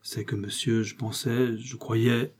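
A man's voice: mid-range voice, level tone, slow pace, slightly rough. A man reading the part of a naive, flustered middle-aged sugar maker in an audiobook, pleading and protesting anxiously.

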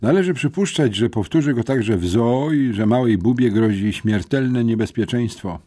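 A man's voice: medium pitch, dark tone, voice pushed up, lightly acted. A man reading an audiobook voices a bossy teenage boy who gives orders and lays out plans. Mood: commanding. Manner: commanding, quick planning.

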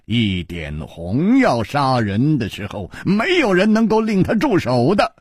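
A man's voice: mid-range voice, wildly swooping pitch, unhurried, husky, no echo, studio quality, exaggerated voice. A man voicing an easygoing male hero swordsman in a storytelling reading, wry and amused in manner.

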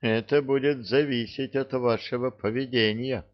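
A man's voice: medium pitch, steady tone, moderate pace, highs cut off, pitched above the performer's own voice, lightly acted. A man voicing a haughty elf lord who barks commands. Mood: imperious. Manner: barking orders, imperious.

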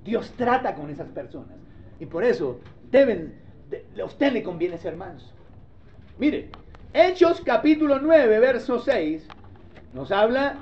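A man preaching a sermon as pastor, swinging from quiet low asides to loud pleading outbursts and acting out the voices of people he describes. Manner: acts out the doubter's and the seeker's voices himself. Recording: dull lo-fi recording.

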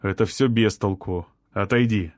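A man's voice: on the low side, moderate pace, no room sound, studio quality, close to an everyday voice. A man reading the lines of a composed rescuer who gives firm orders in an audiobook. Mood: calm. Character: calm, commanding male rescuer.

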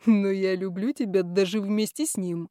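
A woman's voice: medium pitch, fairly even intonation, moderate pace, warm tone, no room sound, clean studio sound, lightly acted. A woman voicing a tipsy, lovesick young man who is cheerfully stubborn, drawling and teasing.

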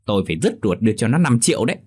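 A man voicing a greedy, nagging middle-aged village wife with a sharp, high voice. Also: big pitch swings, racing, husky. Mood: scolding.

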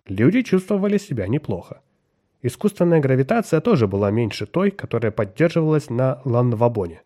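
A man with a mid-range voice reads a science fiction audiobook, delivering scripted narration in a measured, even storytelling style.

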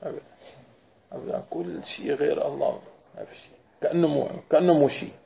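A man's voice: fairly high pitch, fairly even intonation. A man, a sheikh teaching scripture commentary, correcting and explaining his student. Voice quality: gravelly. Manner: interjects to correct and explain, drawn-out slow repetitions. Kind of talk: religious lesson commentary. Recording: dull lo-fi recording.

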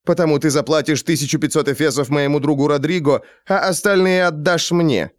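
A man's voice: fairly high pitch, fairly quick, no room sound, studio quality, pitched above the performer's own voice, close to an everyday voice. A man voicing a cruel, greedy gang boss who mocks and bullies his captives, in an audiobook. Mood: mocking. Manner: mocking, bullying.

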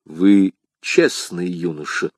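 A man doing a calm, commanding foreign nobleman. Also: sits low, slow, slightly rough, no room sound, clean studio sound, voice pushed down, exaggerated voice.

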